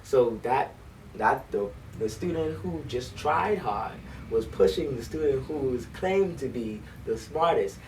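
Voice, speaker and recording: A man's voice: medium pitch, expressive, a little slow, a little mellow, far from the mic, a little hiss or hum, low-quality recording. A man who directs a school band, talking eagerly in an interview with lots of ums and restarts. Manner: eager storyteller with frequent um and restarts. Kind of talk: conversational interview. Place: library.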